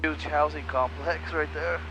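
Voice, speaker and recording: A man's voice: a little high, steady tone, unhurried, pushed and bright. A man chatting casually as a passenger in a small plane, heard through a headset intercom. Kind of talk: casual chat. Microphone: aviation headset intercom. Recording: muffled intercom with faint engine noise.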